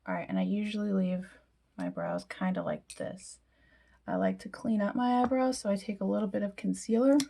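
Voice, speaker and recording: A woman's voice: medium pitch, lively intonation, moderate pace, creaky, dark tone. A young woman chatting casually through a makeup tutorial, with self-deprecating asides that sometimes drop to a whisper. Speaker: beauty vlogger.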